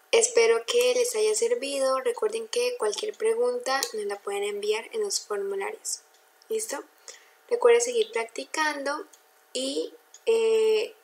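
A woman's voice: a little high, slight background noise. A woman from Colombia tutoring students in a casual online lesson, often checking in with them. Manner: chatty, checks in with students by asking "¿listo?". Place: home.

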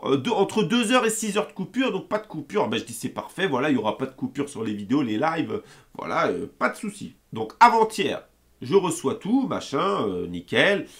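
A man's voice: fairly high pitch, very animated, moderate pace, a bit bright. A young man rants angrily to his viewers in a casual, heated way, swearing often and acting out his phone calls. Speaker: gaming YouTuber ranting to viewers. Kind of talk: angry casual rant to camera.

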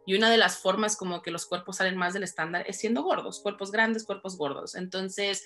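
A woman author answering interview questions in an earnest, animated way, laughing easily as she talks. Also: medium pitch, a little fast, faint music behind. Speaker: author guest.

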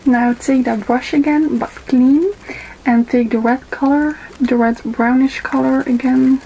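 Sitting in a small bedroom with a webcam in front of her, a beauty vlogger in her twenties, a native Dutch speaker with a Dutch accent, works through her makeup slowly, often stopping with ums. Her voice is high, steady, and warm, over soft background music, and the recording is rough.

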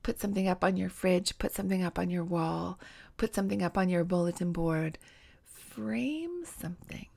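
Speaking at a moderate pace in a gravelly voice on the low side, this forty-something creative coach vlogs directly to camera from her home studio, with bookshelves and string lights around her. The webcam sits at desk distance, and she's casual, warm, encouraging, and animated with hand gestures.

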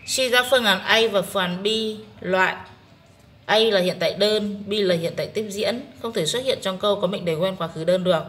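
A woman English teacher with a Vietnamese accent, calmly working through an exam-prep test one question at a time. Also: mid-range voice. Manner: slow, methodical explaining. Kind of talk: exam-prep lesson walkthrough.

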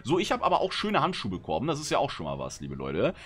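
A chatty male streamer from Germany talks through his game and reads viewers' messages aloud. His voice sits at an ordinary middle pitch but roams widely, going from low grumbling to sudden excited leaps. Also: fast talker, husky. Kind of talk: casual livestream gameplay chat.

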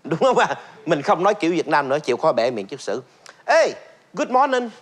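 A man's voice: a little high, expressive, fast talker. Chatty middle-aged man. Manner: chatty, joking, full of fillers and repeats. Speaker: talk show host. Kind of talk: casual stand-up style monologue.

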